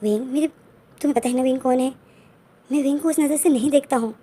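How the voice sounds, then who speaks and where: A woman voicing a calm, teasing young man, the groom, in her own light voice during a storybook retelling. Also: high voice, fast, slightly rough. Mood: reassuring.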